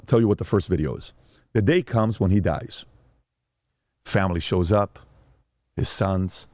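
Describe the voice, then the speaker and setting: A man's voice: sits low, no room sound, studio quality. A middle-aged man hosting a show, telling stories in a casual, emphatic way with lots of repetition. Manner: emphatic, animated retelling with repetition. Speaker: podcast host. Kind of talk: casual storytelling talk.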